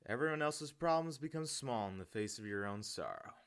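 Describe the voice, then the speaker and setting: A man voicing a kindly, thin, balding old man who talks gently and soothingly. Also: mid-range voice, expressive, brisk, clear, resonant tone, pitched above the performer's own voice. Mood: consoling.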